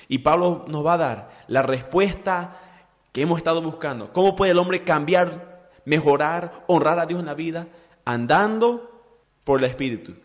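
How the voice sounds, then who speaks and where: A man's voice: a little high, long reverb tail. A man preaching a sermon, asking the congregation rhetorical questions and acting out quoted voices. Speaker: pastor.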